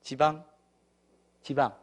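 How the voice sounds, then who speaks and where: A man's voice: on the high side, fairly even intonation, slow. A middle-aged man preaching a sermon as pastor, asking the congregation questions and acting out quoted voices.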